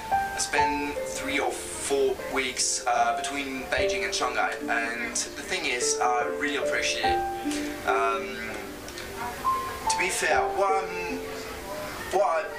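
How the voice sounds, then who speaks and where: A man from France with a French accent, answering an interview in English in a thoughtful, measured way. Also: mid-range voice, echoey room. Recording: distant mic, loud music bed.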